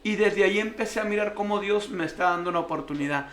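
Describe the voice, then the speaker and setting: A man's voice: high-pitched, fast talker, a bit bright. A man telling his life testimony as a radio guest, acting out the voices of the people in his story. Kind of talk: emotional personal testimony.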